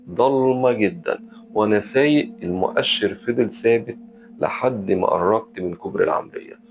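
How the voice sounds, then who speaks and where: A man's voice: on the low side, creaky. A man with an Egyptian Arabic accent narrating a first-person horror story in short, suspenseful, dramatic phrases. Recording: dull lo-fi audio with faint music.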